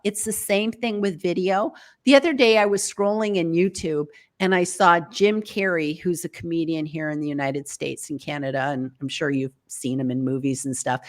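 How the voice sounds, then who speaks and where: A woman guest on a live video interview, giving casual advice in a chatty, animated way. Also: medium pitch. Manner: animated, chatty, acts out quoted reactions. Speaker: podcast host appearing as guest.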